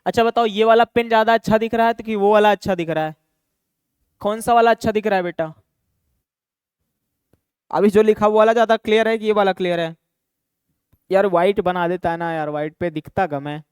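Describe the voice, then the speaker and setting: A young man teaching an online maths exam-prep lesson, chatty and quick, calling students "beta" and "bhaiya" and answering his own questions. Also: high-pitched, fairly even intonation, darkish tone, clean tone, no echo, studio quality.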